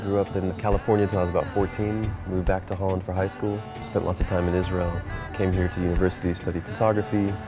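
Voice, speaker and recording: A man in his thirties with a low, deep voice, talking through an interview as a reggae musician. He speaks in a laid-back, reflective way and keeps adding "you know". Music plays clearly behind him the whole time. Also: level tone, fast talker, hardly any pauses.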